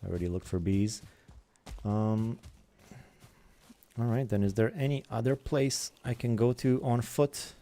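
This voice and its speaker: A man's voice: medium pitch, steady tone, measured pace, pauses often, warm tone. A young man hosting a gaming channel, rambling in casual chatter as he plays and comments on other games.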